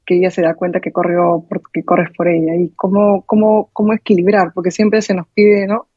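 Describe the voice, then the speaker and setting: A woman's voice: lowish voice, flat delivery, moderate pace, warm tone, slightly rough, no room sound. A woman interviewer asking questions, repeating words as she forms them. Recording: dull dry recording.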